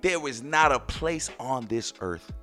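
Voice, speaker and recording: A man's voice: mid-range voice, expressive, measured pace, sharp tone, faint music behind. Emphatic man hosting a casual podcast. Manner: emphatic, repeats phrases for effect. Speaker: podcast host. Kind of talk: casual solo podcast monologue.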